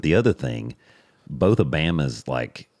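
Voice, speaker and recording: Very deep gravelly man chatting. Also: sing-song, unhurried, darkish tone, no room sound. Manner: rambling, repeats words while finding his point. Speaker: podcast co-host. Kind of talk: casual sports chat.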